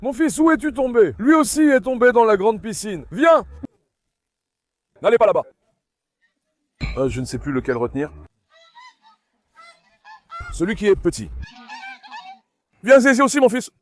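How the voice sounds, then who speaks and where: Animated man coaxing puppies outdoors. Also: high-pitched, moderate pace, pauses often. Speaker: dog breeder vlogger. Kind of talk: casual vlog talk to puppies and viewers. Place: outdoors in a garden by water.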